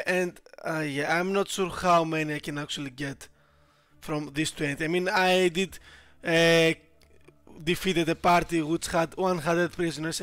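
A man's voice: on the high side, a bit bright, no echo. A man commenting casually on his gameplay, often frustrated and swearing as he plays. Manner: frustrated, swearing, laughing at himself. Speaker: gameplay streamer.

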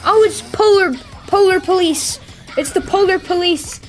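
An excitable woman with a high voice, chattering and joking through a chaotic game and breaking into squeals whenever things turn bad. Quiet music plays in the background. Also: unhurried. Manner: excitable, yelps and squeals when things go wrong. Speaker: gameplay streamer. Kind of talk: playful gameplay commentary.

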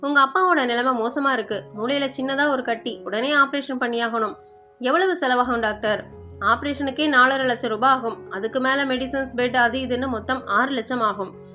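A matter-of-fact hospital doctor in a spoken story, read by a woman. He sounds high and bright, clipped and businesslike. Soft music sits faintly underneath. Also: moderate pace.

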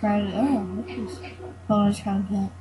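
A woman giving casual let's-play commentary on a horror game, excitable and yelling in fright when chased. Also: mid-range voice, unhurried, background noise. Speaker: gamer playing a horror game.

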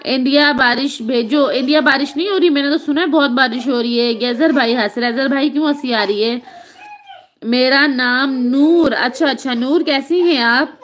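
A woman's voice: sits high, normal speed, a bit bright. A woman with a Pakistani accent hosting a casual live stream from home on a phone, greeting viewers by name in a chatty way. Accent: Pakistani Urdu. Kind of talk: casual live-stream chat reading comments. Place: home, indoors. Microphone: phone on tripod.

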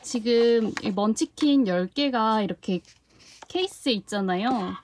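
A woman's voice: on the high side, a little slow, noisy background. A young woman reviewing a toy container in a casual unboxing vlog, often gasping and exclaiming in delight as she handles it. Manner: excited gasps and exclamations while handling the product.

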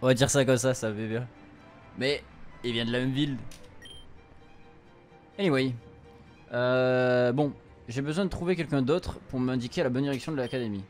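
A young adult streamer doing a casual let's play translates and reads game dialogue aloud in an informal, slangy way, with video game music behind him. His mid-range voice moves at a moderate pace and pauses often.

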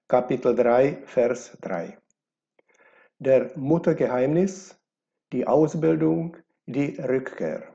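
A man reading a novel aloud as scripted narration, measured and unhurried. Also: medium pitch, gravelly, mellow. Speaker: audiobook reader. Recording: dull lo-fi recording.

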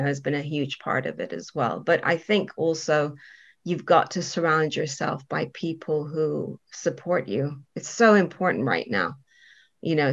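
A woman's voice: low voice, vocal fry. A middle-aged woman from the Middle East, a business executive, talking earnestly and reflectively as a guest on a video call interview, with many fillers. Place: small room at home. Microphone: video call webcam. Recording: slightly dull video call audio.

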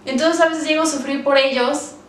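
A woman's voice: high-pitched, fairly even intonation, fairly quick, a little hiss or hum. A woman casually reviewing books for her vlog, chatty and emotional, with many fillers. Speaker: book vlogger. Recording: roomy, distant from the mic.

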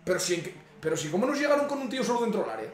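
Exasperated high-voiced Spanish streamer. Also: male voice, sing-song, very fast. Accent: Spain Spanish. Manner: exasperated, swearing at the screen. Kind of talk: live match reaction. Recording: echoey room.

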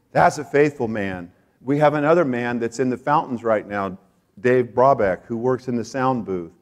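An American man preaching a sermon as pastor, repeating phrases for emphasis and swinging from hushed asides to loud, excited peaks. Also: mid-range voice.

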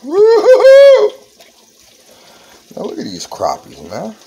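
A gravelly, lowish, expressive voice belongs to a Southern man in his 40s who hosts a casual cooking channel from his home kitchen, countertop fryer at hand. He talks a little slowly, chatting playfully with repetitive exclamations. There's slight background noise, and the audio is poor.

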